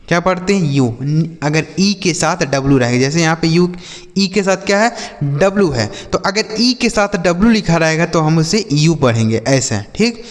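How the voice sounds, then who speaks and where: In what sounds like a large hall, a man whose voice runs on the high side leads a YouTube reading lesson for children. The English teacher works patiently, asking questions and then answering them himself.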